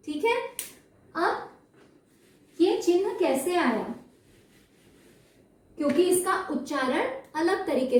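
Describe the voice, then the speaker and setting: A woman with a high voice teaches children, speaking slowly and stretching out syllables to model their sound. She keeps checking that they follow along. The recording is roomy and echoey, with her voice set back from the mic. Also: darkish tone. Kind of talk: slow explanatory lesson. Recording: echoey room, mic at a distance.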